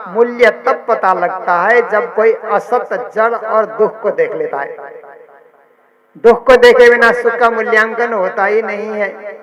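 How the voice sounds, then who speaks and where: A man's voice: high voice, poor audio. A man giving a devotional sermon as a religious teacher, repeating phrases and asking rhetorical questions that he answers himself. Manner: repetitive, asks rhetorical questions and answers them. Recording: live gathering with audience sounds.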